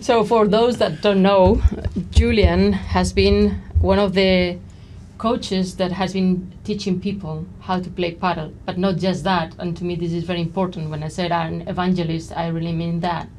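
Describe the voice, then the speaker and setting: A woman's voice: fairly low pitch, fairly even intonation, moderate pace, darkish tone, a little hiss or hum. A woman hosting a podcast, asking long friendly questions in a casual interview. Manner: friendly, laughs easily, asks long questions. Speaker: podcast host.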